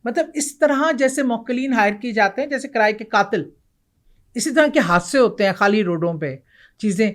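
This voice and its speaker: Woman telling a spooky story vividly. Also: on the high side. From Pakistan. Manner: animated, vivid retelling with acted quotes. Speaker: guest. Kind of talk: storytelling in an interview.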